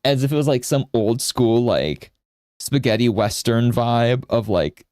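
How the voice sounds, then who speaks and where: A man's voice: medium pitch, unhurried, a little mellow, clear, resonant tone, dry recording, studio quality. A man in his thirties giving a casual live art lesson while drawing, rambling into anecdotes and often checking in with "right?". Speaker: art streamer and instructor.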